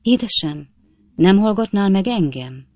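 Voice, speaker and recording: A timid, frightened husband in a storybook, read by a woman, begs his wife to calm down in a humble, pleading way. The voice stays close and dry. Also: fairly low pitch, no room sound.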